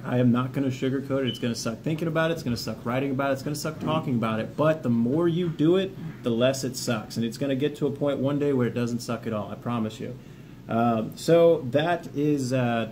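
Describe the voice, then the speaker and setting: With slight background noise behind him, this man's medium-pitched, darkish voice delivers an instructional talk to camera. He's a veteran running a self-help video series, and he offers viewers friendly, straightforward encouragement, partly read from notes.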